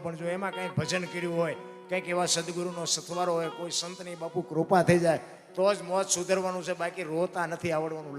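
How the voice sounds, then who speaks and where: A man, a folk storyteller talking in a homely, preachy way to a live audience and often calling them "bapu". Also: high voice. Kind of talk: folk stage storytelling talk. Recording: long hall reverb, faint music behind.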